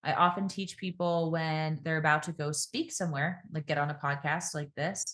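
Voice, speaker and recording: The speaker, a woman and speaking coach appearing as a podcast guest, keeps a calm, thoughtful tone. She shows what she means by slowing down and moving her pitch and pace around.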